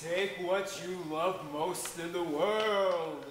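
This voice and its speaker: A man's voice: high voice, slow pace. Guy doing a spooky ghost statue voice for a comedy stage play, super drawn out, roomy sound. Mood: eerie, commanding. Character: ghostly voice of a faithful servant turned statue. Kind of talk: amateur comic stage play. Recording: echoey stage recording with background noise.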